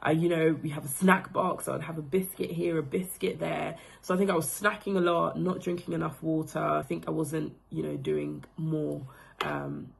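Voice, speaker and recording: A woman from the Democratic Republic of Congo, in her thirties, reflects casually on her experience of being coached, her loose phrasing packed with fillers. Her low, gravelly voice stays flat at a moderate pace, with a little hiss or hum in the recording.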